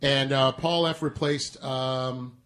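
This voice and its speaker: A man's voice: mid-range voice, fairly even intonation, a bit bright. A man hosting a casual podcast interview, a comedian who rambles and jokes about himself. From Southern California. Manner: self-deprecating, rambling, quick asides.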